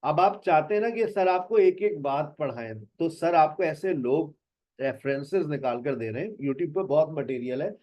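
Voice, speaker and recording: A man's voice: on the high side, expressive, moderate pace. A male spoken English teacher talking casually to his students, switching between Hindi and English and addressing them directly. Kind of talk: casual lesson talk. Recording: dull lo-fi recording.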